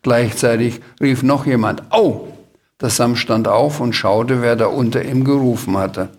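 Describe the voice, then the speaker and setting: A man giving a lively, expressive live reading of a children's book. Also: medium pitch, normal speed. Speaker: reader.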